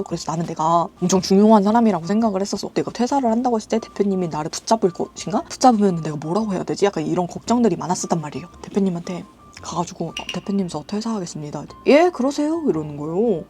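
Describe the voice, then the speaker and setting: Lively fast-talking young woman storyteller. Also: lowish voice, faint music behind. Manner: chatty, animated retelling. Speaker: storytelling vlogger. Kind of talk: casual storytelling.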